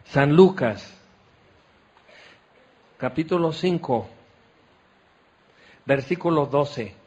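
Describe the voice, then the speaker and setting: Slow, dramatic male preacher in a tent. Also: a little high, darkish tone, husky, dull audio. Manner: dramatic storytelling, acting out scenes with exclamations. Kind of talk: sermon. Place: tent meeting.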